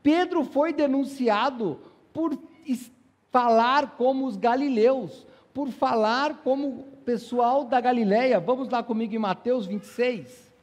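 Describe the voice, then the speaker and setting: A man's voice: very high-pitched, measured pace, darkish tone. A male pastor preaching a sermon in a church, firing rhetorical questions at the congregation. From São Paulo, Brazil. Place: church sanctuary. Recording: long church-hall reverb.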